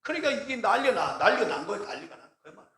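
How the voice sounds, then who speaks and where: A man's voice: high voice, big pitch swings, racing, pushed and bright, roomy sound. A man preaching a sermon as pastor, emphatic and often questioning his congregation. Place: church.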